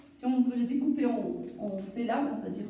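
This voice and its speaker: A woman teaching a lesson to young children, speaking slowly and breaking words into syllables, with many "d'accord". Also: fairly high pitch, dark tone. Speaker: primary school teacher. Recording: echoey room, voice from far off.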